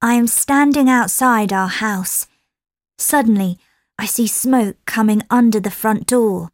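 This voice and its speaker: A woman's voice: fairly high pitch, a little slow, no echo, clean studio sound. Woman earnestly reading a dream story. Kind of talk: scripted narration of a dream.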